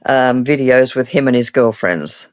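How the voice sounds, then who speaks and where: A woman's voice: rumbling low, unhurried, clear, resonant tone, dry recording. A woman calling into a live stream, talking bluntly and scornfully and laughing often, heard over dull lo-fi call-in audio. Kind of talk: casual live-stream chat.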